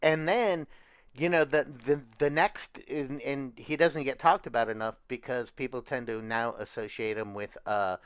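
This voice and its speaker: A man's voice: mid-range voice, moderate pace, clear, resonant tone, no room sound. A man co-hosting a podcast, chatting casually and telling rambling stories that trail off and restart. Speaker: podcast co-host. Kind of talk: casual chat.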